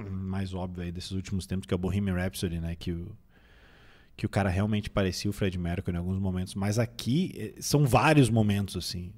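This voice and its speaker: Still getting over a cold, this film critic sounds nasal, with a low pitch and fairly quick delivery. He's chatting about films in an easygoing way, wandering off and restarting his thoughts.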